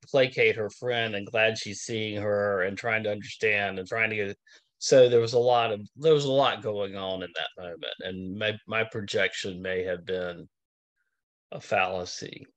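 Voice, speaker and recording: A satsang participant sharing a personal experience, earnest and searching for words. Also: medium pitch.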